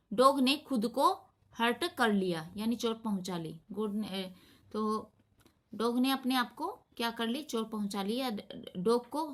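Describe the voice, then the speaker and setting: High-voiced woman teaching grammar. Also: fairly bright tone. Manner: repeats each point slowly, reads English examples then explains them. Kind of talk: classroom lesson explaining grammar.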